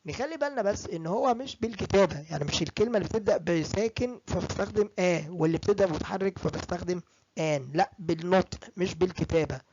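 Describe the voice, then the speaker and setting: An English lecturer with an Egyptian Arabic accent, explaining grammar in a recorded lecture. The lecturer switches between Arabic and English and repeats examples slowly and often. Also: medium pitch, darkish tone. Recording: dull, dry lo-fi recording.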